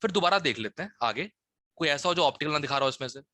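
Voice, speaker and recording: Bright, dry-voiced chemistry teacher. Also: male voice, on the high side, expressive, quick pace, no room sound. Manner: Hinglish teaching, frequent "ठीक है?" checks. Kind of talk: online class explaining test questions.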